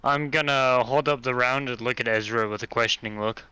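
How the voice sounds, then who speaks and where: A man's voice: medium pitch, brisk, sharp tone, clean tone, no echo, rough recording. A man talking casually as a player in a tabletop role-playing game.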